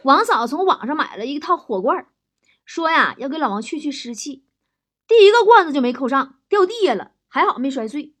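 A woman's voice: sits high, big pitch swings, a little fast, fairly bright tone. A woman telling a string of comic stories in a chatty way, laughing between the jokes. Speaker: joke teller. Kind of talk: comic storytelling.

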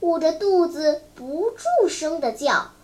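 A high-pitched storyteller reads a long storybook aloud. The delivery is slow and careful, and each phrase is given room to land. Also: sing-song, background noise. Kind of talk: storybook reading.

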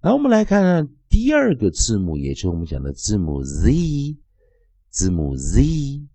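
A man teaching English phonics and drilling each sound slowly over and over. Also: mid-range voice, huge pitch swings, creaky, warm tone, breathy edge, no echo. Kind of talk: phonics lesson.

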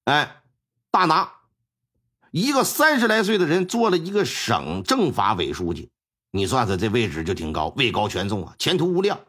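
A man's voice: mid-range voice, normal speed, husky. A man telling a traditional Chinese historical tale as a storyteller, with chatty asides to the listener. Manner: lively, conversational asides.

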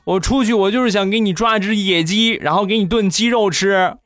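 A man's voice: high-pitched, brisk, fairly bright tone, no room sound, clean studio sound, soft background music, voice pushed up. A man doing a cheeky little boy. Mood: earnest. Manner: cheeky, whiny child voice.

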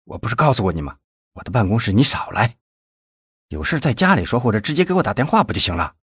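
A man's voice: medium pitch, sing-song, fast, fairly bright tone, breathy edge, no echo, studio quality, full character voice. A man voicing an angry, scheming middle-aged male mayor who blusters and curses in an audiobook. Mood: irritated. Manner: blustering, short-tempered, curses.

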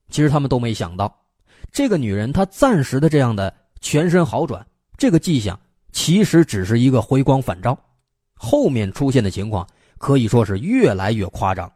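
Husky-voiced man telling an eerie tale. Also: mid-range voice, warm tone, no echo, clean studio sound. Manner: chatty, suspense-building, frequent filler particles. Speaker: storyteller host. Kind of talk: casual spoken storytelling of an unsolved mystery.

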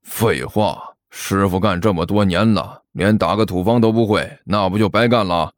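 Man doing a gruff, grumbling old-school master. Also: lowish voice, very animated, a little mellow, no echo, studio quality, pitched below the performer's own voice. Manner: slow, grumbling, lecturing. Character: gruff boastful middle-aged tomb-robber master.

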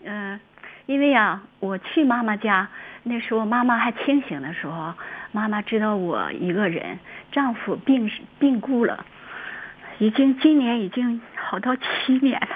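A woman's voice: fairly high pitch, lively intonation, measured pace, slight background noise. Tearful woman caller on phone. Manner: tearful, heartfelt storytelling. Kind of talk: emotional phone-in conversation. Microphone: telephone. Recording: tinny phone line.

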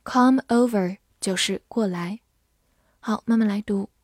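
A woman giving a scripted English vocabulary lesson, explaining words clearly and reading example sentences slowly. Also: mid-range voice, dry recording, studio quality. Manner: clear, measured, slows down for model sentences. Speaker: English teacher.

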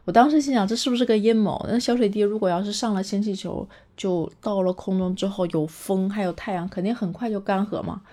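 A woman chattily retelling a cartoon story, animated and full of fillers. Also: medium pitch, fairly quick, few pauses.

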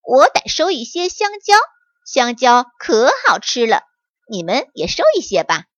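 A woman doing an excited, chatty little monkey. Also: on the high side, dry recording, muffled recording. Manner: excited, quick and upbeat.

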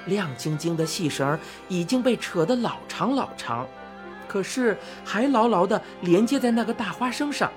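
A woman narrating a children's storybook in a clear, even reading voice. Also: mid-range voice, normal speed, over music.

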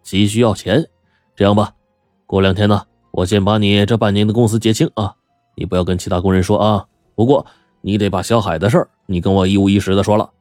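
A man's voice: lowish voice, fairly even intonation, a little fast, a little mellow, dry recording, clean studio sound, faint music behind, close to an everyday voice. A man voicing a brash middle-aged mine boss who mocks and presses his workers. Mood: pressing. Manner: mocking, brash, amused.

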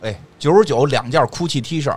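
A man's voice: medium pitch, brisk, slightly rough. A man co-hosting a podcast in casual chat, joking and acting out quotes. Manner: animated, joking, acts out quotes. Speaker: podcast co-host.

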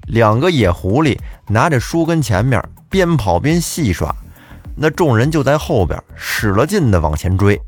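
Lively male folk-tale storyteller. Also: fairly low pitch. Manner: chatty, addresses the listener.

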